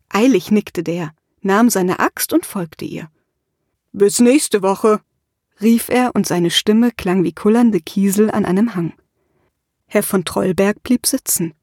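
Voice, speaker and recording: A woman narrating a story in an even, measured way. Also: mid-range voice, no room sound, clean studio sound. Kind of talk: audiobook narration.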